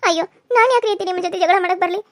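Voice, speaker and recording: A woman's voice: very high-pitched, dry recording, studio quality. A woman voicing a defiant young village wife arguing with her husband and mother-in-law in a cartoon serial. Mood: protesting. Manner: argumentative, pleading, quick protesting.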